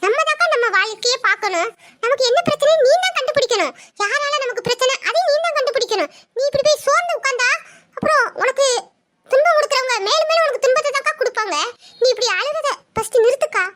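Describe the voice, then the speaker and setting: A woman's voice: very high voice, fast talker, a bit bright, a little hiss or hum. A woman playing a cheeky, teasing young woman. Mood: comforting. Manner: teasing, chatty.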